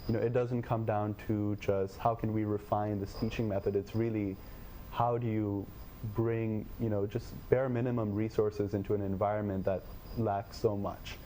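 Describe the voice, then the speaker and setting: A young man with a low, dark and mellow voice, answering interview questions. He talks in a measured, thoughtful way, pausing with fillers. A faint hiss of noise sits behind him. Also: level tone. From Nepal. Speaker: guest, education tech company head.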